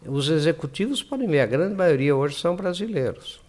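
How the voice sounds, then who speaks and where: A man's voice: on the high side, expressive, a little fast, a little mellow. A Brazilian man speaking Brazilian Portuguese as an interview guest, rambling and often ending with tag questions. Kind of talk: casual interview chat.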